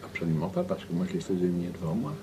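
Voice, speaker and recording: A man talking informally and haltingly, repeating himself for emphasis, secretly recorded on a hidden mic. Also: low voice, very animated, noisy background. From Belgium. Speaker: interviewee, former political go-between.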